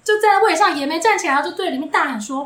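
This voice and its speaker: A woman co-hosting a chatty podcast tells a story with lively, swooping intonation and a quick pace. Her voice is high and bright. The room gives it a noticeable echo. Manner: animated, laughing often, acts out quotes. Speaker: podcast co-host. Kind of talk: casual chat, storytelling.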